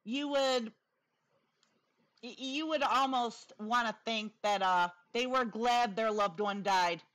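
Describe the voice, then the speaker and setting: A woman's voice: a little high, slow, a bit bright. A woman giving casual, opinionated commentary in a blunt, sarcastic way, with a lisp and a whistling s. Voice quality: lisp with whistling s from new dental appliance.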